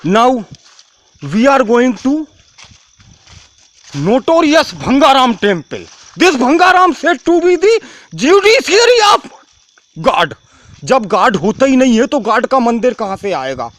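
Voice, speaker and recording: A man with an Indian English accent talks in a strikingly high voice. He rambles and repeats himself in a halting, ranting home video monologue. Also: sing-song, a bit bright, no echo. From Tamil Nadu, India. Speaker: self-styled swami.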